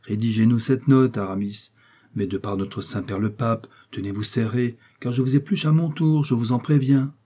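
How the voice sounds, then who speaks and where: A man reading the lines of an eager, impatient young musketeer in a lively way. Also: medium pitch, moderate pace, breathy edge, lightly acted.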